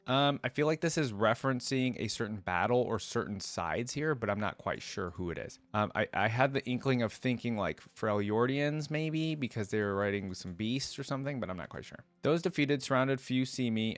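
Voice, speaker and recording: Here a man with a lowish voice, captured in a dry recording, reads a game lore story as a reaction video. He interrupts himself with relaxed commentary, breaking down and restating what he has just read.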